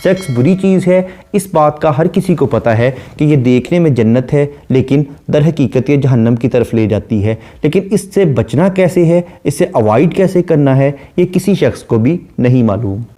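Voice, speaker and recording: Mellow-voiced male literature lecturer. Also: fairly high pitch, expressive. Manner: reads verse lines slowly, then explains in measured prose. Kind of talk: explanatory lecture.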